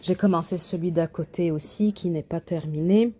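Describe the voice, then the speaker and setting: A woman's voice: fairly low pitch, normal speed, warm tone, slight background noise. A woman showing her coloring and embroidery work in a casual vlog, full of hesitations and restarts. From Quebec. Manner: hesitant, many fillers and restarts. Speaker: craft channel host. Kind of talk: casual show-and-tell vlog.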